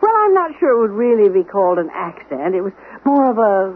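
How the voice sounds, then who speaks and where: This woman's mid-range voice is very animated, a little fast, and close to her everyday voice. She plays a composed, formal household servant in a 1970s radio drama, primly and unflappably lecturing her employer with gentle reproof. The old broadcast is tinny, with a faint hiss.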